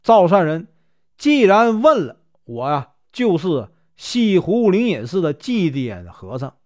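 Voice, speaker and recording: A man's voice: sits high, huge pitch swings, slow pace, exaggerated voice. A man with a Northeastern Mandarin accent voicing an eccentric, jovial wandering monk who talks bluntly and offhandedly. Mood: offhand.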